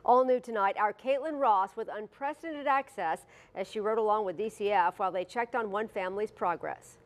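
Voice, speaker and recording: A woman anchors the news from the studio and leads into a story. She follows up with conversational questions at a medium pitch. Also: a little fast.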